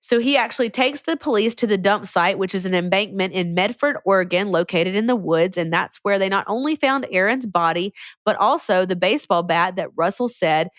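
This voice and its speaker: A woman's voice: medium pitch, expressive, brisk, no room sound, studio quality. A woman co-hosting a podcast, chatting casually and sarcastically through a true-crime case. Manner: chatty, slangy, sarcastic asides. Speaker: podcast co-host.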